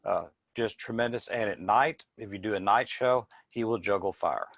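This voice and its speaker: Lowish-voiced man giving a business pitch. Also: moderate pace, vocal fry, fairly bright tone, no echo. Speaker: business presenter. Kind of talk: informal sales presentation.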